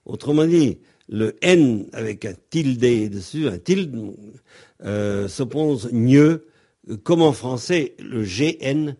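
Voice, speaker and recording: A man explains pronunciation at a slow, unhurried pace, pausing often on ums and restarts. He spells words out letter by letter like a patient teacher. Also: mid-range voice, expressive, mellow. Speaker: Breton language teacher.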